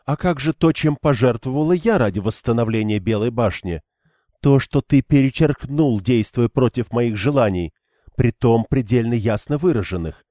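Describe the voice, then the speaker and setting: A stern young woman of command speaks coldly and firmly, voiced by a man reading an audiobook. The voice sits low and dark, and every word is clipped. The recording is dry and close. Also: big pitch swings, moderate pace, no room sound. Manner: cold, clipped and firm.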